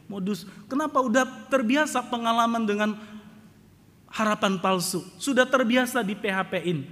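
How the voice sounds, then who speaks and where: Bright-voiced preacher in a reverberant church. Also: male voice, very high-pitched, moderate pace. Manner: animated, humorous storytelling, rising to loud emphasis. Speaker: pastor. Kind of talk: sermon. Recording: church hall reverb, faint ambient noise.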